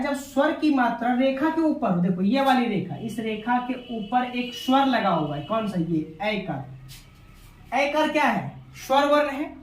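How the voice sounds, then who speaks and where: A man teaching an online exam-prep language lesson, asking questions and answering them himself, repeating key points. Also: very high-pitched. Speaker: Hindi teacher. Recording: echoey room with faint noise.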